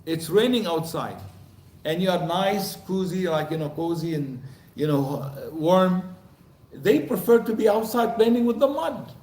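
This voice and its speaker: An older man speaking to a mosque congregation, animated and quizzing the audience with repeated questions. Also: high-pitched, measured pace. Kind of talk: lecture to a congregation. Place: mosque hall. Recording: echoey hall recording.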